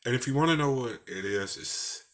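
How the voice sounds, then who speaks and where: A man's voice: mid-range voice, expressive, a little fast, fairly bright tone. A man with a Texas twang, talking in a rambling, folksy way in a casual personal vlog. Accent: Texan. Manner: rambling, folksy, with false starts. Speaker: vlogger.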